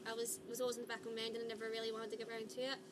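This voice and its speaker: A woman's voice: a little high, monotone, rapid-fire. A woman chatting casually in an interview as a play's director. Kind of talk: casual chat. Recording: clearly noisy background ambience.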